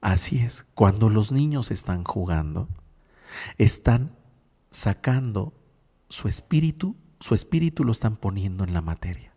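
Deep-voiced man hosting radio. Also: expressive, unhurried, warm tone, breathy edge, in a large hall. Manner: reflective, keeps asking "sí?". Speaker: radio host psychologist. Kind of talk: spiritual talk radio.

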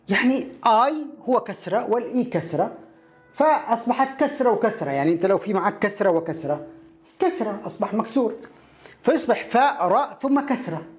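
A middle-aged woman teaching a beginner English reading lesson, patiently repeating each word slowly several times. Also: on the high side, a little mellow.

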